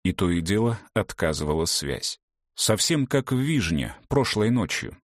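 A man narrates a fantasy audiobook with a fairly low voice, measured and dramatic. The sound is dry and close, with no room around it. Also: sing-song, no room sound. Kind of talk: scripted narration.

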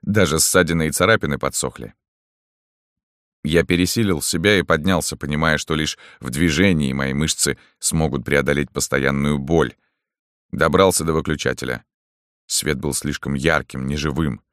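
A man narrating a first-person novel in a steady, even reading. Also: a bass voice, normal speed, clean tone, no room sound, studio quality. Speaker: audiobook narrator.

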